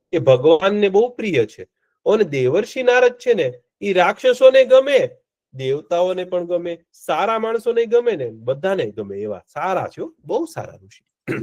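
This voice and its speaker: A man tells a story to a class of children. His voice is fairly high and lively, and it rises and falls as he goes. He keeps stopping to ask the children questions. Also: moderate pace. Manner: asks the children questions often.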